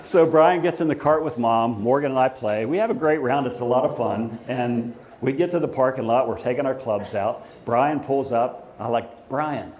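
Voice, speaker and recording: A middle-aged man giving an informal father of the bride speech at a wedding reception, conversational and anecdotal, pausing for the guests. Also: medium pitch. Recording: echoey room, loud crowd and background noise. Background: crowd of guests, room noise.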